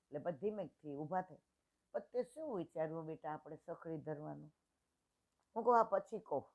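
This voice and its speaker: A woman's voice: deep voice, lively intonation, moderate pace, a little mellow. A woman in her sixties tells devotional stories in plain homely speech, acting out the dialogues, at a religious gathering. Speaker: satsang speaker. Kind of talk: devotional storytelling talk. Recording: tinny phone-like line.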